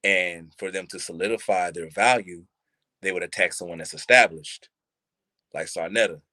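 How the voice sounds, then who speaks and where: On the live-streamed show, this co-host around thirty talks with a deep voice at a moderate pace, no room sound on his stream mic. His casual chat is animated and slangy, and he keeps saying "you see what I'm saying" to check in with listeners.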